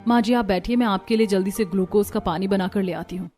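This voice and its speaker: A woman voicing a caring young daughter-in-law in an animated cartoon, speaking politely and eagerly. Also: medium pitch, fast, faint music behind, close to an everyday voice.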